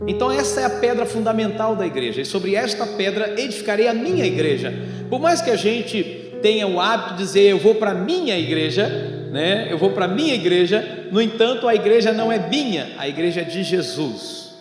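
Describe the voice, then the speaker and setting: A high-pitched Brazilian pastor preaches an evangelical sermon over a sound system in a church hall, mixing storytelling with Bible reading. Very animated and a little fast, he teaches didactically, posing rhetorical questions and addressing the congregation directly. The hall echoes with long reverb, and music plays behind him.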